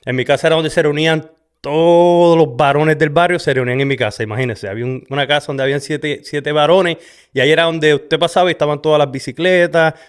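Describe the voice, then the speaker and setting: A man's voice: a little high, fairly even intonation, fast talker, clear, resonant tone. A middle-aged man with a Puerto Rican accent hosts a podcast and shares his personal testimony in a casual, conversational way, often tagging sentences with "¿verdad?" and slipping in an English "so". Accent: Puerto Rican Spanish. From Puerto Rico. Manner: conversational, frequent "¿verdad?" and Spanglish "so". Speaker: podcast host. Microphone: studio camera setup.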